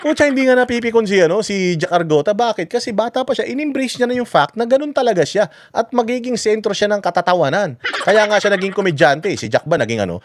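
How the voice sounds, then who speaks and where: A man's voice: high voice, animated, fast talker. A Filipino man doing a political vlog, ranting in a mocking, crude way and laughing at his own jokes. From Philippines. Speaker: political vlogger. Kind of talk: casual ranting commentary.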